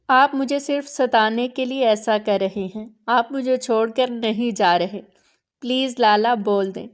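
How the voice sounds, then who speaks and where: A woman's voice: a little high, smooth, close to an everyday voice. A woman narrator voicing a young bride who begs her brother tearfully not to leave. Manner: pleading, tearful delivery.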